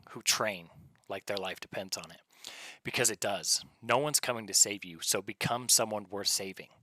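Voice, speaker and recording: Forceful, low-voiced man giving tough motivation. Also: dry recording. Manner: blunt, commanding, short punchy phrases. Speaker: motivational speaker. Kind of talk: scripted motivational speech in a stern military drill style.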